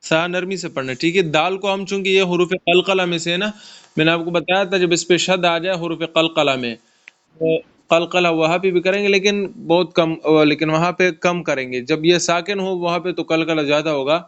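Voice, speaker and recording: Man, quran tutor, patient and corrective, smooth clear voice, slightly high, muffled lo-fi online call. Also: steady tone, fairly bright tone. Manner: patient, corrective, explains pronunciation step by step. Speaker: Quran recitation teacher. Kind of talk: online tajweed lesson. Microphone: video call.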